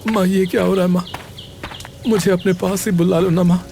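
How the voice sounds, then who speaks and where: A man voicing a gentle, timid young man who pleads softly with those around him. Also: sits high, steady tone, normal speed, vocal fry, a little hiss or hum. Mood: pleading. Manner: pleading, soft-spoken.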